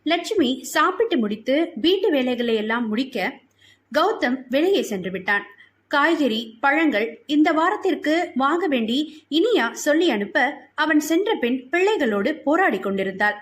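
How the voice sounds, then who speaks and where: A woman reads a novel aloud in an even, measured way. Her voice sits high and clear as she carries the narration along steadily. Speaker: audiobook narrator.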